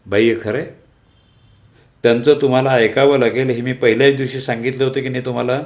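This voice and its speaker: A man's voice: medium pitch, fairly even intonation, moderate pace, gravelly, darkish tone, voice pushed up, close to an everyday voice. A man as a stern senior official. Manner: stern, irritated questioning.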